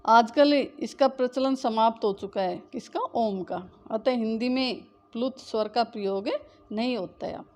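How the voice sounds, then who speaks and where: A woman's voice: a little high, measured pace, a little mellow. A woman teaching Hindi grammar, who asks the class questions and answers them herself, repeating the key terms. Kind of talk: classroom lesson.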